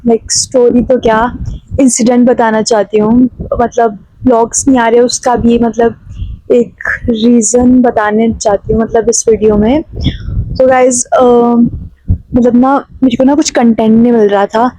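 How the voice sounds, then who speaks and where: A woman's voice: fairly high pitch, little pitch movement, measured pace, mellow, poor audio. A young woman from Himachal Pradesh, a vlogger telling a story to camera in a chatty way with many fillers and restarts. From Himachal Pradesh, India.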